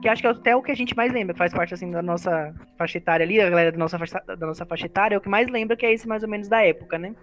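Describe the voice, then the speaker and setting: Fast-talking woman host leading a film chat. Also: mid-range voice, dull audio, faint music behind. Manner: quick, enthusiastic, leads the segments. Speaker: podcast host. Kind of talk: casual movie review chat.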